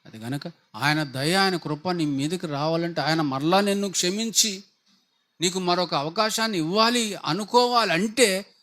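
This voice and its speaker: A man's voice: sits high, a little slow, a bit bright. A man preaching a sermon, pressing his listeners with rhetorical questions and fervent appeals. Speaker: pastor. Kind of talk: Telugu sermon.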